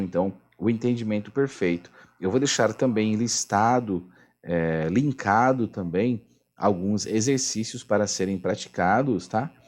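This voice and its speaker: A Brazilian Portuguese-accented man gives an online English lesson at an unhurried, drawn-out pace. His voice sits somewhat low, and he explains patiently and repetitively, pausing to check that students follow. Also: a little mellow. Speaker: English teacher.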